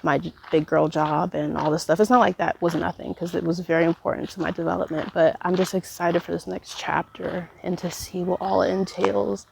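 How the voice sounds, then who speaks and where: A woman's voice: fairly low pitch, steady tone, brisk, creaky, hardly any pauses, a little hiss or hum, poor audio. A woman in her twenties musing pensively in a casual, reflective solo vlog, letting her thoughts trail as she goes. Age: 20s. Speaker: vlogger. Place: walking while recording, as a walk-along vlog.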